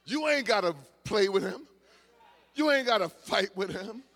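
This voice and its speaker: A male preacher with a high voice delivers a sermon to his congregation. He drops into quiet, conversational asides, then builds into loud, shouted exhortations. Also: animated, measured pace. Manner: swings from low murmurs to shouted exhortation. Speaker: pastor.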